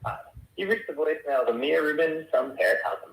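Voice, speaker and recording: A man's recorded voicemail greeting, heard over a phone call, spoken in a brisk, businesslike way. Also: fairly high pitch, expressive, gravelly, fairly bright tone. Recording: echoey, distant phone-line playback.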